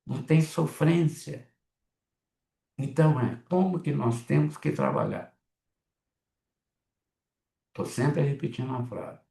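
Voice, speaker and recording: A gravelly, mellow-toned man with a Mineiro accent gives a class in a chatty, blunt manner, breaking into lively asides. He sounds middle-aged, and his voice rings in an echoey room. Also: mid-range voice, slow, long pauses. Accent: Mineiro Brazilian Portuguese. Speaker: psychoanalysis teacher. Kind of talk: online class talk.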